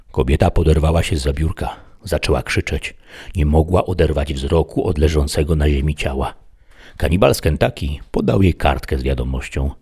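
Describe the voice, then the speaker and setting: A male storyteller reads a dramatic tale in a very deep, husky voice. His delivery is expressive and tense, and his pitch moves a lot. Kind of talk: dramatic audiobook narration.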